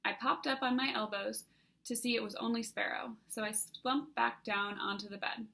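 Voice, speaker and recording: Woman reading a story, slightly gravelly. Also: a little high, steady tone, moderate pace, bright, forceful tone. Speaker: author reading her own book. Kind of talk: first-person audiobook narration.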